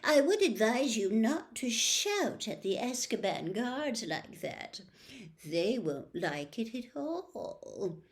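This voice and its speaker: A woman voicing a haughty, smooth aristocratic villain from a storybook, with a lazy, mock-polite drawl. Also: fairly high pitch, big pitch swings, slow pace, full character voice. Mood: mock-polite threatening. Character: haughty, smooth, sneering aristocratic villain man, lazily menacing. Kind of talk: storybook character reading.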